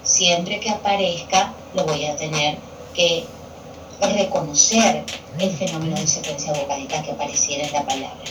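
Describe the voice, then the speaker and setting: Female teacher, patient and repetitive; low-ish voice, distant, echoey room with TV noise. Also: moderate pace. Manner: patient, repeats key terms for students. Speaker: Spanish language teacher. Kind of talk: classroom grammar explanation. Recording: echoey room picked up from afar with television noise.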